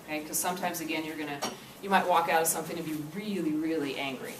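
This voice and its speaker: A woman's voice: low-pitched, fairly even intonation, fast talker, noisy background. A woman leading an interactive workshop, often checking understanding with "okay?", recorded from a distant camcorder in a classroom. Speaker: workshop presenter. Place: classroom or meeting room. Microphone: far camcorder. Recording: echoey room from a distant camcorder.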